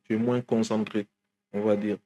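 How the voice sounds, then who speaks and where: A man's voice: lowish voice, normal speed. Young man, from Guinea, rapper guest, casual interview talk, hesitant, restarts. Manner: relaxed, hesitant, many fillers and restarts.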